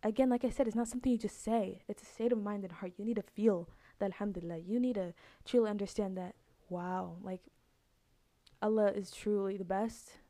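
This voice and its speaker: A woman's voice: mid-range voice, fast talker, warm tone, no echo. A woman hosting a podcast, giving a casual, earnest religious talk that repeats its points. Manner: earnest, repetitive, conversational. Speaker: podcast host.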